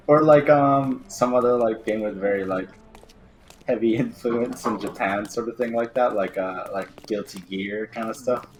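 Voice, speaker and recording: Low-pitched man chatting over a game. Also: measured pace, crowd noise, low-quality recording. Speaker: video game player commenting. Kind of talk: casual gameplay chat. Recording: game music behind the voice.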